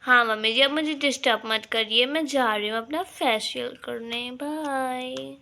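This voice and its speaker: A woman's voice: high voice, a little slow, creaky, pushed and bright, slight background noise, full character voice. A woman voicing a pert, vain young daughter-in-law in a toy doll play, with cheeky, defiant talk.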